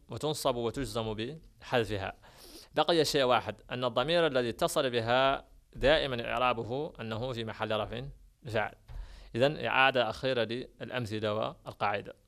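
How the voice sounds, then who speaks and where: A man's voice: mid-range voice, a bit bright. A man teaching a grammar lesson, explaining step by step and repeating the rules and examples.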